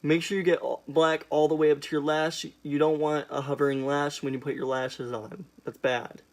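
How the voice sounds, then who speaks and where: A man's voice: on the high side, flat delivery, normal speed. Sassy young man giving a makeup tutorial. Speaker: drag queen makeup tutorial host. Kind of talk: casual makeup tutorial chat. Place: indoors, small room at home.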